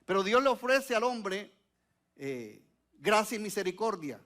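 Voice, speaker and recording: A man's voice: sits high, big pitch swings, a little slow, a bit bright. A male pastor preaching a sermon to a church congregation, asking them questions and waiting for their answers.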